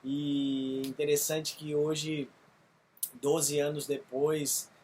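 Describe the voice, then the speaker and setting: 30s pastor, earnest and halting, lots of ums, slight background hiss. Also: male voice, on the high side, level tone, a little mellow. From Brazil. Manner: earnest, halting with frequent fillers. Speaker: missionary pastor. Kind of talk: testimony video.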